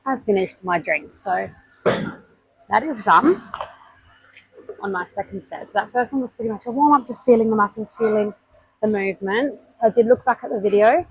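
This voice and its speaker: A woman's voice: mid-range voice, moderate pace, pauses often, husky, poor audio. A woman vlogging her gym workout on a body-worn mic, counting her reps aloud and explaining technique while out of breath between sets. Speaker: fitness vlogger. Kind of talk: casual workout vlog with coaching tips. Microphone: clip-on mic worn on body.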